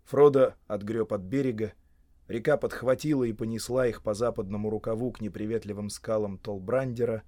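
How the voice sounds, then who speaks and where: A man narrating a fantasy audiobook in a measured, steady storytelling manner. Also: lowish voice, no echo.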